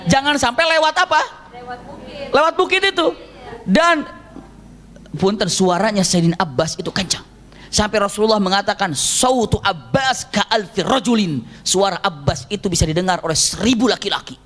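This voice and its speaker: A man giving a storytelling religious lecture, acting out shouted characters and laughing often. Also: high-pitched, brisk, long pauses. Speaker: preacher.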